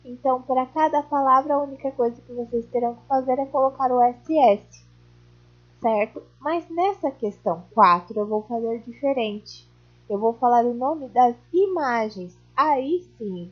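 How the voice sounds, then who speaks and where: A woman's voice: on the high side, a little slow. A woman teaching a recorded class to young children, patient and step by step, checking in often with her pupils. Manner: patient, explaining step by step with frequent check-ins. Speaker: primary school teacher. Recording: dull lo-fi home recording.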